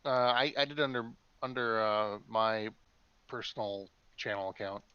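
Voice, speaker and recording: A man's voice: lowish voice, measured pace, smooth, no room sound, dull audio. A man co-hosting a podcast in casual chat, rambling and making jokes. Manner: rambling, joking. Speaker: podcast co-host.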